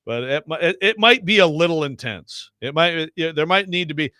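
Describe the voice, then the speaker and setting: A man's voice: fairly high pitch, animated, brisk, sharp tone, dry recording, studio quality. A man hosting casual sports talk radio, wordy and often interrupting himself.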